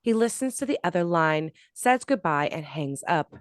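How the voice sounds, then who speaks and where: A woman narrates the stage directions of a script at a table read. Her reading has lively pitch movement and a close, dry sound. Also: moderate pace, no room sound.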